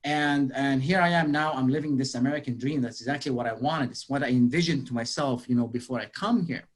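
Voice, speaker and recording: A man's voice: medium pitch, a little fast. A man, giving an interactive motivational sales talk over a video call and quizzing his audience, with lots of "you know". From Lebanon. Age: 40s. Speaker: real estate sales speaker.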